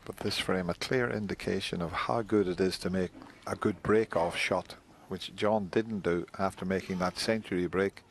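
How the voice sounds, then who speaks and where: A man giving hushed, measured live commentary on a snooker match. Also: low-pitched, steady tone, gravelly. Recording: arena crowd and ambient noise. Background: snooker arena audience.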